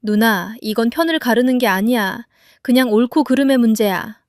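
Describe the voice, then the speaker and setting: Woman lowering her voice for an earnest young husband. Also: moderate pace, dry recording, studio quality, close to an everyday voice. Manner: earnest, pleading but firm.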